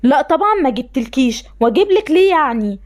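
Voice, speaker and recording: A woman's voice: sits high, very animated, quick pace, darkish tone. A woman doing a harsh, scornful father. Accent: Egyptian Arabic. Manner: cold, scornful. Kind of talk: voiced game-animation story.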